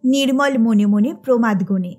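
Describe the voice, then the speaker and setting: Storyteller, woman, high voice, measured audiobook narration over faint music. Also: darkish tone. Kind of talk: reading a classic short story aloud.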